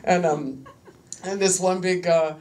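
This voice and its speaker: A woman's voice: lowish voice, slow pace, a little mellow. A middle-aged woman speaking as a panel guest, telling stories loosely with many fillers, her voice rising and sharpening when she quotes herself confronting others. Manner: loose, rambling delivery full of "you know" fillers. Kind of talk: casual storytelling on a panel.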